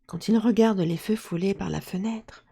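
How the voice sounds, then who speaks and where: A woman narrating a children's story in a lively, expressive way. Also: mid-range voice, moderate pace, creaky, slightly rough.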